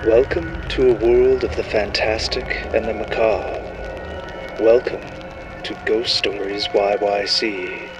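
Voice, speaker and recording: A man's voice: lowish voice, slow, low-quality recording. A man playing an ominous, theatrical horror show host, narrating an introduction in the manner of a vintage horror anthology. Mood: ominous, inviting. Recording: music behind the voice.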